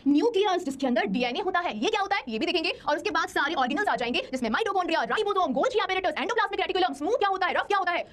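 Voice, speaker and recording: A woman's voice: very high-pitched, animated, rapid-fire, hardly any pauses, fairly bright tone. A young adult woman teaching an online science class in a studio, chatty and playful, keeps asking her students if they follow. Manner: chatty, playful, talks straight to students with many checking questions.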